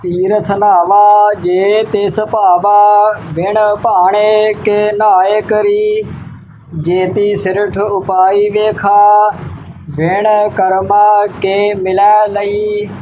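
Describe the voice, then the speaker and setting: A man chanting scripture in a very slow, drawn-out, even recitation. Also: high-pitched, phone-quality sound, a little hiss or hum, voice pushed up.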